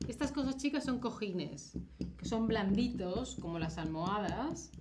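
A woman explaining words in a casual lesson, chatty and quick to laugh. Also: medium pitch, animated, background noise.

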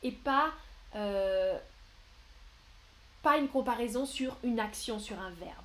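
A woman's voice: on the high side, a bit bright. A woman teaching French on a live stream, answering chat questions patiently with examples and frequent hesitations. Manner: patient, explains slowly with examples and frequent "euh"; playful, laughs at her own mistakes. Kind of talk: live-stream language lesson.

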